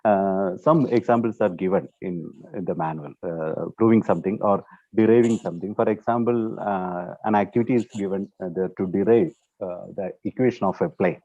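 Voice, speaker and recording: Male lecturer, lowish voice, halting explanations, thin phone-band audio. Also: dark tone, dry recording, muffled recording. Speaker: guest lecturer answering questions. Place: online conference call, dry sound.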